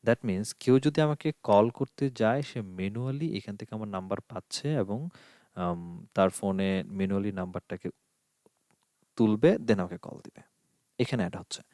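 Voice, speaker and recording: Guy with a lowish voice walking through a tutorial, asks questions then answers them, dry close sound. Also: lively intonation, unhurried, warm tone, dry recording. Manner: explains step by step with rhetorical questions, mixing in English. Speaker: online course instructor. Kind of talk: screen-share tutorial.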